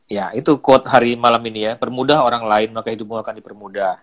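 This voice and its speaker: A man from Indonesia hosting a casual chat, teasing his guest with easy, relaxed remarks. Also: mid-range voice, fast talker. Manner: teasing, laid-back interjections. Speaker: host.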